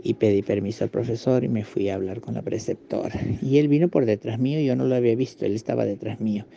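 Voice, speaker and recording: A man in his fifties with an Argentine accent, recounting a personal memory in halting testimony with pauses and restarts. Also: mid-range voice, gravelly, mellow, dull audio, a little hiss or hum. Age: 50s. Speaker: interviewee giving testimony.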